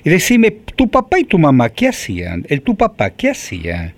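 A man's voice: on the high side, wildly swooping pitch, normal speed, no echo. A man in his seventies with an Argentine Spanish accent, interviewing a guest on the radio with effusive, prompting questions. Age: 70s.

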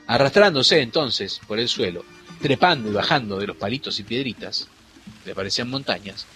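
A man narrating a children's fable in an expressive, dramatic storybook reading. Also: a little high. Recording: faint music behind.

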